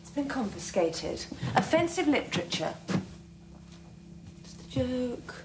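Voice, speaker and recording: An actress playing a sardonic, impatient young spaceship crew member who talks with a dry sneer in a television drama. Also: female voice, high voice, big pitch swings, takes it slowly, a little mellow, a little hiss or hum, heavily acted. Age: young adult. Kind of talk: television science fiction drama acting.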